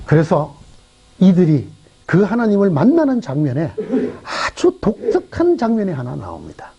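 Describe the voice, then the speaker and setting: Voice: medium pitch, wildly swooping pitch, normal speed, vocal fry, highs cut off, noisy background. A pastor preaching a sermon at a church revival meeting, telling a story and asking the congregation rhetorical questions.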